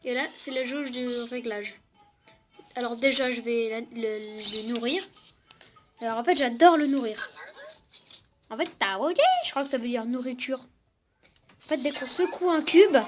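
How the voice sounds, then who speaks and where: At home with a cat on her lap, a young vlogger casually demos a toy robot in an unboxing-style video, chatting with both the robot and her viewers. Her voice is fairly high and a little slow, with frequent pauses, and the noisy home recording has music in the background.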